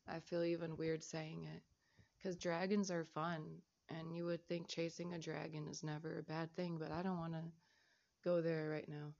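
A woman's voice: fairly low pitch, creaky, a little mellow, muffled recording. A woman recording a rambling casual audio diary, reading out lists of places and prices, sometimes half-whispering.

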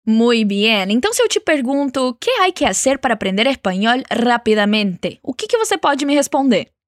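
A woman teaching a language lesson, encouraging and clear, slowing down to model phrases for the listener to repeat. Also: on the high side, sing-song, no room sound, clean studio sound. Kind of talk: spoken language lesson with repeat-after-me drills.

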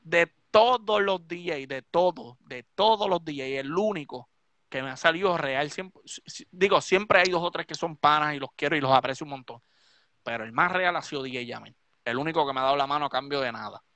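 A man's voice: on the high side, brisk, pushed and bright, no room sound. A Puerto Rican man, a DJ hosting a live stream, ranting drunk and swearing heavily. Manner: profane, heated, repetitive ranting.

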